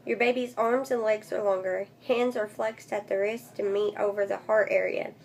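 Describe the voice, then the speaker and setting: Recorded on a phone with audible background noise, this casual update vlog has a woman reading aloud from a book while recovering from losing her voice, which sounds congested and nasal. She speaks at a normal speed in a mid-range, darkish voice with fairly even intonation.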